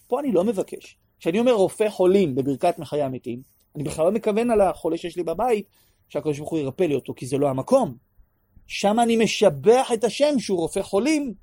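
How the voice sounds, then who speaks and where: A man teaching a class on prayer in an animated way, acting out pleas and sometimes raising his voice to a shout. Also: high voice, dry recording. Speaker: religious teacher.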